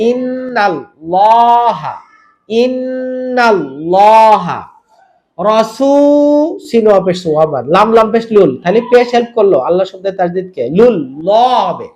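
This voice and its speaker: A man teaching Quran recitation in a tajweed lesson. He drills syllables, asks the viewer quick questions and draws out recited words slowly. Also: high voice, expressive, a little mellow. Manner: repeats drills, quizzes the viewer.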